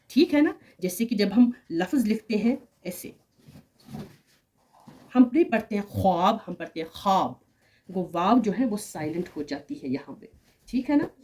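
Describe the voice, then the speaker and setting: A woman's voice: fairly high pitch, dark tone. A woman teaching an online grammar lesson, explaining step by step, repeating example words and checking "right?" as she goes.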